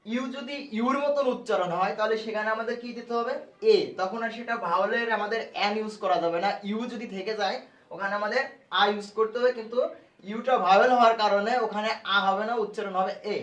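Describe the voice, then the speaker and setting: A man's voice: high voice, fast talker, a bit bright. A man tutoring English grammar at a board, explaining each rule step by step and repeating the key points. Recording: echoey room, voice from far off the mic.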